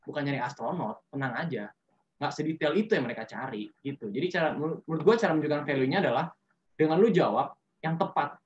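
A man's voice: on the high side, animated, quick pace. A man giving casual, slangy advice on a webinar. He acts out sample answers as he talks. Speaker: webinar speaker. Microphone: video call. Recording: dull lo-fi call audio.

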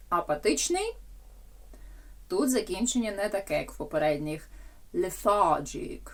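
Woman teaching English with a lively voice. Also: lowish voice. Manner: explains in Ukrainian, reads English examples slowly. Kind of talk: recorded language lecture.

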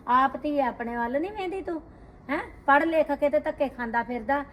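An actress playing a middle-aged sister-in-law who scolds with indignant rhetorical questions, speaking Punjabi-accented. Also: female voice, high voice, brisk, highs cut off, natural voice. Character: sister-in-law defending her household, middle-aged woman. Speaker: actor in a family drama. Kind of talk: scripted short film acting.

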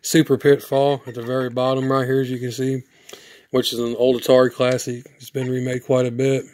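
A man with a slightly hoarse voice, casually reviewing a game cartridge in a rambling way. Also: mid-range voice, fairly quick, dry recording. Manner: rambling, flat delivery with restarts. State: hoarse from sinuses. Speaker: product reviewer.

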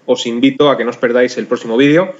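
A man narrating a software screencast tutorial in a conversational way, talking straight to his viewers. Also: medium pitch, quick pace, lo-fi sound. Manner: conversational, addresses viewers directly. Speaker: software instructor.

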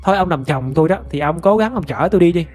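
A man's voice: a little high, expressive, fast, a little mellow, faint music behind. A man voicing a worried middle-aged wife in a spoken ghost story, begging anxiously.

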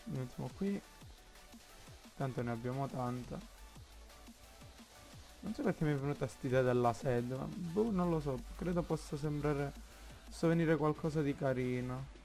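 A man with an Italian accent commenting on his own Minecraft play, slow and halting, thinking aloud with many fillers. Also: medium pitch, gravelly, darkish tone, faint music behind. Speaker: gaming YouTuber.

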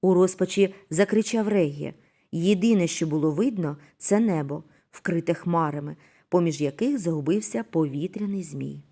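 A woman narrating a children's story in a gentle, expressive reading voice. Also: fairly low pitch, normal speed.

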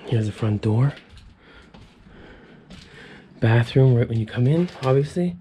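Wandering through an abandoned house damaged by fire, a thirtysomething urban explorer muses aloud for his viewers in a casual handheld vlog. His medium-pitched voice has a dark tone and lively intonation at an unhurried pace, captured by a handheld camera in lo-fi sound with slight background noise.

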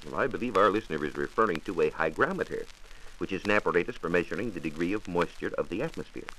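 Speaking fast with lively intonation, a deep-voiced American man sounds a bit bright as he plays a 1940s radio reporter. His scripted science explanation is formal and exact, recorded in a radio studio on a noisy vintage transcription disc from the 1940s.

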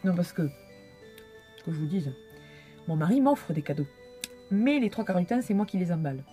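A woman's voice: fairly low pitch, lively intonation, moderate pace, mellow, soft background music. A young woman chatting casually through a shopping haul vlog, with many fillers and restarts. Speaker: vlogger showing shopping haul.

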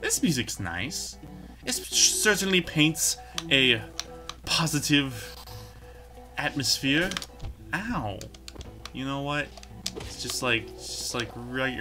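Goofy, lively male let's-player. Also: mid-range voice. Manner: goofy, jokey, self-mocking asides. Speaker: let's play host. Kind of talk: casual gameplay commentary. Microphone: desk microphone. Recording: game music playing underneath.

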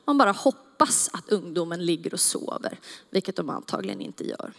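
A woman in her thirties giving a public lecture on a theater stage through a headset mic, listing points in a clear, measured way. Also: lowish voice, lively intonation, a bit bright. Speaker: child psychologist lecturer. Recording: long hall reverb.

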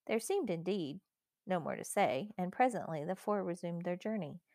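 A woman reading a children's storybook aloud as the narrator, clear and measured. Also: on the low side, expressive, a little mellow, no room sound, clean studio sound. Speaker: audiobook narrator.

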